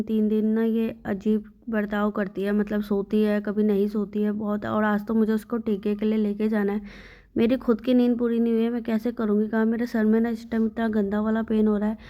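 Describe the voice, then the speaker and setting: A woman's voice: a little high, dark tone. A young woman vlogging her day at home with her baby, weary and short on sleep, talking to the viewer about her aches and troubles. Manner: weary, complaining, talks to the viewer. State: sleep-deprived and in pain. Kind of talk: casual vlog narration. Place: at home, by the front door.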